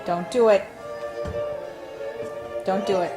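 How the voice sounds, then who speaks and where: A woman's voice: mid-range voice, steady tone, slow, roomy sound, loud music behind the voice. A woman filming her young children at home, alternately coaxing them in a sing-song voice and scolding them. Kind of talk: casual home video. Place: family home indoors.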